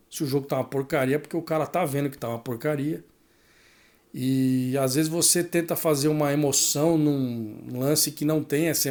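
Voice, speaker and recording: A man from Brazil, a sports narration teacher, giving a casual spoken lesson and checking in with the listener through frequent tag questions. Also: a little high.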